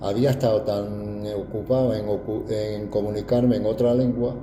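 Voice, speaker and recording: A man's voice: lowish voice, little pitch movement, moderate pace, dark tone, roomy sound, a little hiss or hum. An older man from Andalusia with an Andalusian accent, giving a proud, reflective personal testimony. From Andalusia, Spain.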